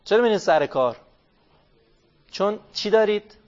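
Man, religious talk to a gathering, keeps asking the listeners questions, slow drawn-out emphasis, fairly high voice, dull lo-fi sound. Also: animated, darkish tone. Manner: asks the audience many questions and answers them himself; stretches key phrases slowly for emphasis. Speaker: religious speaker. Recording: dull lo-fi recording.

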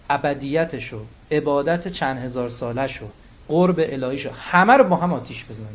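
A man giving a religious sermon, emphatic, repeating key phrases and quoting Arabic texts. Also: a little high. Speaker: cleric. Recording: dull lo-fi recording.

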